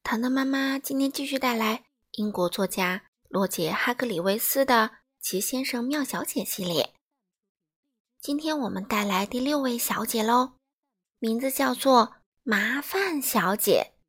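A woman reading a children's picture book aloud in a lively, expressive, dramatic way. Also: a little high, a little slow, slightly rough. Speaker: storyteller for children.

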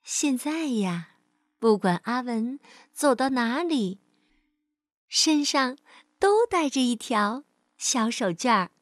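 A woman reading a bedtime storybook to children in a gentle, sing-song way. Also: on the high side, big pitch swings, takes it slowly, long pauses, no echo, clean studio sound.

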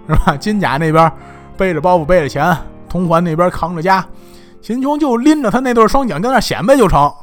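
A male storyteller retelling a historical tale in a chatty comic manner, often checking with the listener. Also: sits high. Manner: animated, chatty, asks the listener along.

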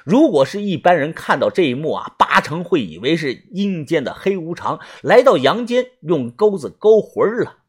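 A man's voice: very animated, normal speed, hardly any pauses, slightly rough. A man narrating a suspenseful first-person audiobook, tense and dramatic in delivery. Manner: tense, suspenseful storytelling with strong pitch swings.

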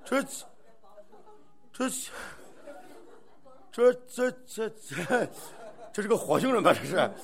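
A man playing the straight man in crosstalk comedy, feeding short questions and quick reactions. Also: sits high, big pitch swings, gravelly.

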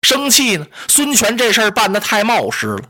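A male storyteller narrates in a vivid, rhythmic traditional style. His pitch swings widely and his tone is bright with a husky grain. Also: fairly quick. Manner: vivid, animated, rhythmic delivery.

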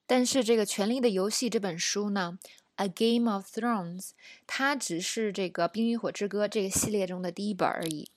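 A woman's voice: mid-range voice, moderate pace, no echo. Chatty woman teaching, dry close sound. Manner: chatty, explaining with frequent rhetorical questions. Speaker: English teacher. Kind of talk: casual language lesson.

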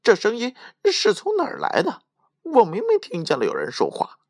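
A man voicing a pair of greedy male thieves who talk in a startled, hushed and urgent way in a storybook reading. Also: medium pitch, huge pitch swings, normal speed, creaky, pitched above the performer's own voice, heavily acted. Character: two greedy grown male thieves, jumpy.

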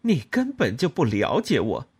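A man's voice: mid-range voice, huge pitch swings, moderate pace, breathy edge, full character voice. A man voicing a haughty, cold older mother-in-law in an audiobook. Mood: indignant.

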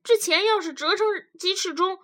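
A woman's voice: very high voice, normal speed, pitched above the performer's own voice. A woman doing a blustering stubborn husband. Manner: loud, blustering, folksy. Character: stubborn blunt working-class husband, defensive.

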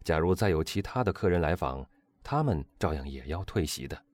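A man reading a classic novel aloud as audiobook narrator, in smooth storytelling narration. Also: extremely low pitch, expressive, fairly quick, a little mellow, dry recording. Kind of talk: scripted narration.

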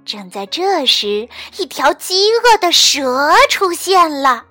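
A woman storyteller gently and expressively reading a bedtime story to children. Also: high-pitched, sing-song, takes it slowly, faint music behind.

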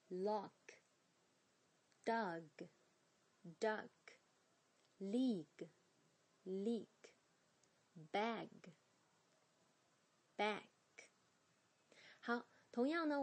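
A woman teaching English pronunciation in Chinese, slowly and deliberately, repeating each word as a drill. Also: mid-range voice, a little mellow. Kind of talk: bilingual pronunciation lesson.

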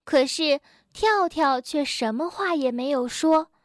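A woman reading a children's story aloud to kids, gentle and unhurried. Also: sits high, lively intonation, no echo, studio quality.

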